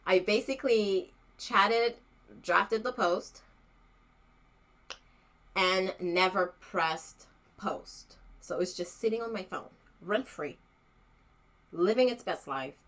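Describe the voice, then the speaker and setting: A woman's voice: mid-range voice, slow, pauses often, a bit bright. A woman in her thirties hosting a casual livestream chat about hair, playful and chatty, laughing often. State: out of breath from running up stairs.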